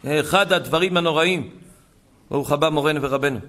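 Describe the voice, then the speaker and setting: A man giving a rabbi's sermon to a gathering, preaching with fervor and retelling conversations. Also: a little high. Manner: fervent preaching that builds to loud exclamations. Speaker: rabbi giving a Torah talk.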